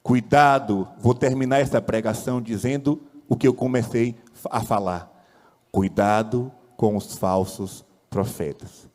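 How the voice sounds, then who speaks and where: Male priest, mid pitch, fiery sermon with big dynamic swings and call-and-response, long church reverb. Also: measured pace. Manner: impassioned preaching with wide swings in pitch and loudness, rhetorical questions; leads the congregation in call-and-response.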